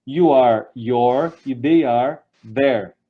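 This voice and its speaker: A man with a Brazilian Portuguese accent giving a webinar grammar lesson, explaining step by step and reading out English examples slowly. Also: mid-range voice, narrow, tinny audio. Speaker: lecturer.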